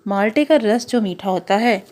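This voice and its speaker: A woman narrating a children's cartoon story in a lively, storybook manner. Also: mid-range voice, normal speed.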